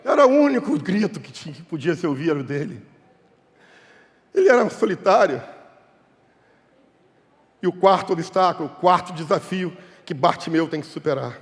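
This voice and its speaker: Brazilian pastor shouting in an echoing hall. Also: male voice, expressive, moderate pace, long pauses. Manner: swings between shouted cries and low quiet asides. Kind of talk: sermon. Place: church hall. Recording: long hall reverb.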